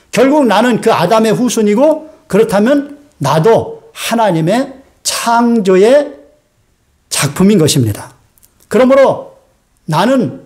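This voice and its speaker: A man with a high-pitched voice preaching a sermon. He talks in an easy, storytelling way, dropping frequent "uh" fillers as he goes. He puts questions to his congregation and has them repeat lines back. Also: darkish tone. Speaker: pastor.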